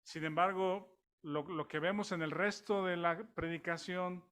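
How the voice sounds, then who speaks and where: A man's voice: high-pitched, steady tone, a little slow, a bit bright, clean tone. A man with a Mexican accent preaching a sermon in a conversational way, with many restarts and rhetorical questions to the congregation.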